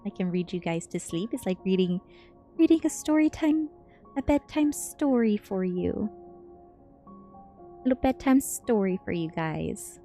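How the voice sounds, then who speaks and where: A woman streamer, sleepy and relaxed, reads aloud for an ASMR stream and chats with viewers while music plays. Her mid-range voice is dark in tone with lively intonation, a little slow and often pausing.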